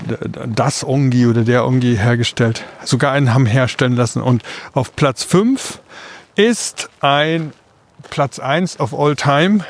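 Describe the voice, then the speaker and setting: Male co-host, medium pitch, explaining things casually while out walking. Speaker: podcast co-host. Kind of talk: casual podcast chat. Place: outdoors, walking through city parks.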